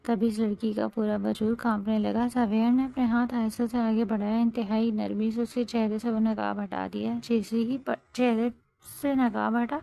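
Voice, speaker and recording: Brief: woman narrator, gravelly, mellow, slightly high voice. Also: rough recording. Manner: steady dramatic storytelling. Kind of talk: novel reading.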